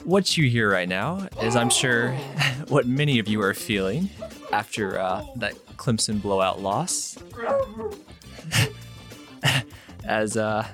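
A man's voice: on the low side, unhurried, over music. A man hosting a casual sports podcast, often laughing as he talks. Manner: laughs often, amused, loose delivery. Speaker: podcast host.

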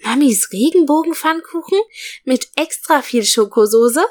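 A woman voicing an excited young child in a read-aloud storybook, eager and hopeful. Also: high voice, a little slow, voice pushed up.

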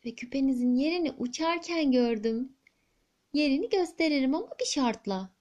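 Woman as a polite little boy pleading earnestly, high and soft. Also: lively intonation, normal speed, highs cut off. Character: small brave boy, polite and clever.

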